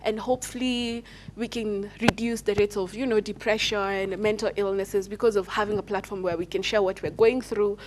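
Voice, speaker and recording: A woman's voice: fairly even intonation, brisk. Casting: female panelist, mid-range voice, Kikuyu-tinged Kenyan accent, casual commentary, faint noise behind. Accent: Kenyan, Kikuyu-influenced. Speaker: talk show panelist. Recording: faint background noise and rumble.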